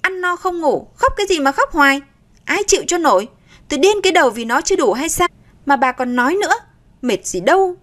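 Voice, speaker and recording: Woman doing a shrill, furious young mother. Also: expressive, normal speed, close to an everyday voice. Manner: yelling, scolding. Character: frazzled young mother, short-tempered and shrill.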